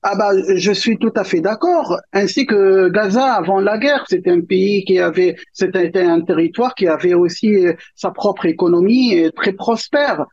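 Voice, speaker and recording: A man's voice: sits high, moderate pace, few pauses, a little mellow, no echo, dull audio. A man as a guest analyst on a debate panel, talking hesitantly with many restarts but firm views.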